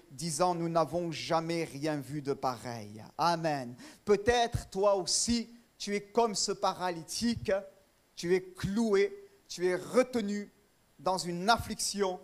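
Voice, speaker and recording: Pastor, male, high-pitched, fervent and emphatic preaching with repeated phrases, church sermon.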